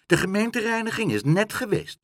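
Reading a storybook aloud in clean studio sound with no room echo, a man performs a full character voice pitched above his own: a smug, bossy middle-aged woman gloating over her neighbour. His fairly high, slightly bright delivery swings widely in pitch at a measured pace, sounding haughty and gloating.

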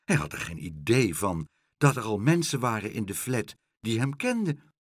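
Brief: male storybook reader, hugely animated delivery, husky, dry close sound. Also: fairly low pitch, moderate pace, dry recording. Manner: very lively, expressive storytelling. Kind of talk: children's book read aloud.

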